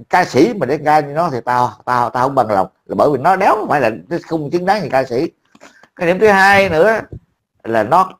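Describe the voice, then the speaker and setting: A man, talking casually to a friend as an online commentator, blunt, profane and mocking. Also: medium pitch.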